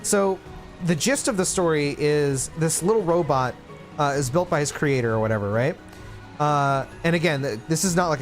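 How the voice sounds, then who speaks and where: A man in his late twenties talking casually to his livestream chat, reflective and rambling with many fillers and restarts. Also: a little high. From Philippines. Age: 20s. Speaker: streamer.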